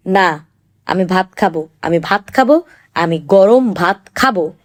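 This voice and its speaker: A half-deaf, bedridden young husband , as a woman reader puts him on, who whines and repeats himself like a sulking child. The voice sits a touch lower than the reader's own, with a slow, sulky drag on the repeated pleas. It is a storybook figure, read aloud. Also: lively intonation. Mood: petulant. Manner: whining, repeating demands.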